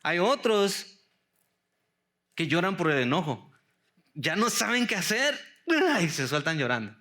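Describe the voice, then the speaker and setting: High, bright-voiced male preacher. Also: big pitch swings, measured pace. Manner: preaching with rhetorical questions, addressing the congregation as brothers; slips English words into his Spanish. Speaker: pastor. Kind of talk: sermon. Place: church sanctuary.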